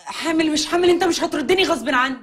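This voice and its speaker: An actress with an Egyptian accent playing a sulky young bride-to-be who turns shrill when upset. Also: female voice, very fast, slightly rough, close to an everyday voice. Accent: Egyptian Arabic. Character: young woman, sulky fiancée, quick to shout. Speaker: bride-to-be in a comedy film. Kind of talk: Egyptian film comedy acting.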